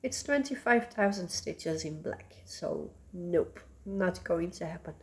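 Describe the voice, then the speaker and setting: Slow, rambling woman. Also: lowish voice, expressive. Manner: rambling, many ums, soft asides. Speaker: cross-stitch vlogger. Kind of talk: casual show-and-tell chat.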